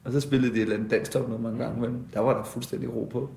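A man's voice: mid-range voice, flat delivery, vocal fry, warm tone, a little hiss or hum, close to an everyday voice. A man playing an agreeable radio co-host who chimes in and reminisces about old radio. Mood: reminiscing. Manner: agreeable, chiming in with yes. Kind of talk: satirical talk-radio banter. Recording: roomy studio echo.

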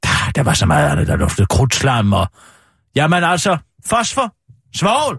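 A man's voice: medium pitch, wildly swooping pitch, a bit bright, slightly rough, dry recording, clean studio sound. A man in comedy banter, sarcastic and theatrical, cutting in on the storyteller. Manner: sarcastic, theatrical, keeps interrupting. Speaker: comedy podcast co-host.

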